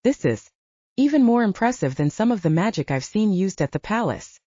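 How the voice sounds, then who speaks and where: A woman's voice: medium pitch, very animated, fairly quick, mellow, no room sound. A woman voicing a flustered, sleepy male wizard scholar who speaks in a groggy, incredulous way. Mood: astonished. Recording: dull lo-fi.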